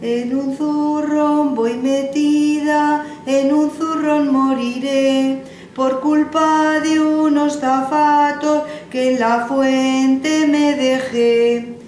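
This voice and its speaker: A woman voicing a spoiled, tearful little girl, raising her pitch and chanting slowly, in a roomy recording taken from a distance. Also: steady tone, faint music behind, natural voice. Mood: sing-song lament. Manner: sing-song chanting when singing from the sack.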